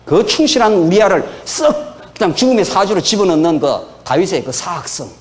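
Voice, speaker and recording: A middle-aged man preaching a sermon lecture in a folksy, animated way, full of rhetorical questions. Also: sits high, a little fast. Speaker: pastor.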